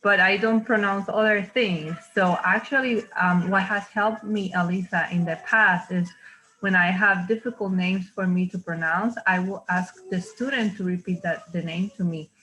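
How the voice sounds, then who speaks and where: A woman's voice: medium pitch, fairly even intonation, moderate pace, sharp tone, poor audio. A woman from Puerto Rico with a Puerto Rican Spanish accent, a native Spanish speaker, sharing thoughtful conversational remarks in a panel discussion.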